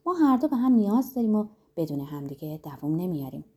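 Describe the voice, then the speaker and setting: A man's voice: sits high, big pitch swings, a little mellow, husky, full character voice. A woman voicing a proud, homesick young man who speaks earnestly and insistently in a story. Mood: earnest, indignant.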